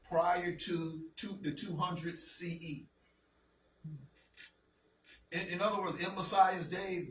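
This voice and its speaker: A man teaching a language lesson to a class, speaking slowly and deliberately and often checking that everyone follows. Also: on the high side, a bit bright. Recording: roomy, from a distance, faint noise.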